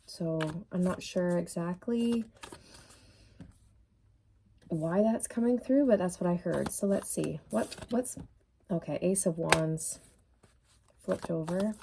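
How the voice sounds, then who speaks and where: In a lowish, dark voice with vocal fry and a little hiss or hum, a tarot reader thinks aloud during a laid-back reading. She speaks slowly, fills pauses often, and says she's losing her voice.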